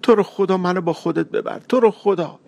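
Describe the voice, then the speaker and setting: A man's voice: high-pitched, gravelly, darkish tone, voice pushed up. A man reading a story aloud and voicing a stubborn, tearful young woman who pleads to be taken along. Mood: pleading.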